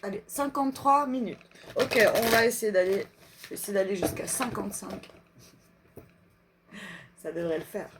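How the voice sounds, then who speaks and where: A woman doing a live card reading, slowly reading self-love affirmations aloud and chatting with her viewers between them. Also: mid-range voice, animated, noisy background. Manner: slow, drawn-out reading of affirmations, chatty asides. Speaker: energy reader and card reader.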